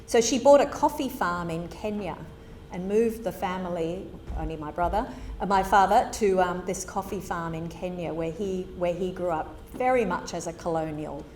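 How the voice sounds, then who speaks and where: A woman's voice: on the low side, normal speed, darkish tone, a little hiss or hum. Candid middle-aged woman giving a lecture. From Zimbabwe. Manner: candid, conversational storytelling. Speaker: guest lecturer. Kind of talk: public lecture. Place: lecture hall. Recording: roomy hall with faint ambience.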